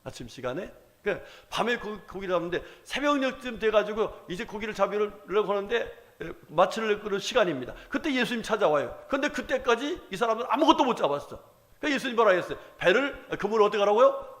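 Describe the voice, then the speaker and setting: Man, pastor, preaching, high-pitched, dramatic swings, long church reverb. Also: big pitch swings, fast talker, a bit bright. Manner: preaching, rising and dropping, acting out Bible voices, asking the congregation. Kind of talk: sermon. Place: church sanctuary.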